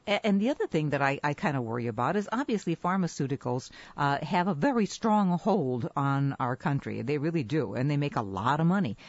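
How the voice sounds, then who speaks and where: A woman's voice: low-pitched, animated, fairly quick, few pauses, dry recording, highs cut off. A woman hosting a radio health interview, asking chatty, conversational questions. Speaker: radio show host.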